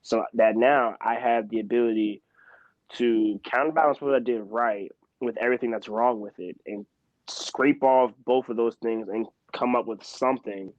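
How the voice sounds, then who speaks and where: Animated young man from Philadelphia, slightly muffled. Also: medium pitch, normal speed, dry recording. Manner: animated, emphatic storytelling. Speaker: guest. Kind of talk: casual interview talk. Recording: slightly dull, muffled sound.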